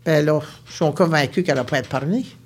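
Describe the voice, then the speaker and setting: A woman with an Acadian French accent telling a personal story in an animated, expressive way. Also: sits low, brisk, slightly rough. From Baie Sainte-Marie, Nova Scotia. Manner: animated, expressive, often laughing. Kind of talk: live storytelling.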